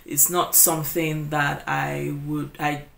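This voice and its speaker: A woman's voice: sits low, level tone, takes it slowly, vocal fry, a bit bright. A woman in her forties talking casually to camera as a lifestyle vlogger. She rambles, restarts her sentences and fills gaps with "you know". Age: 40s. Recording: echoey room.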